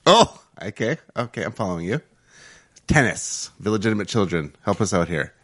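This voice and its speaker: A man's voice: lowish voice, very animated, normal speed, fairly bright tone, husky. A man co-hosting a casual chat, playful, trailing off and laughing often. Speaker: co-host.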